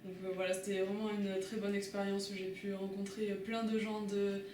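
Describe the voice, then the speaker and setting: Flat-voiced young woman, distant and echoey. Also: mid-range voice, normal speed. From southwest France. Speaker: social work student. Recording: distant mic in echoey room with faint noise.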